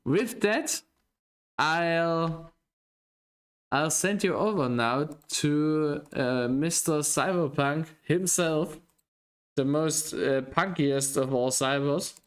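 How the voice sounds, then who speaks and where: A man with a hosting a live racing broadcast, slow and relaxed, with a jokey, self-deprecating manner. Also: on the high side. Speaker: race commentator and stream host. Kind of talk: live race broadcast commentary.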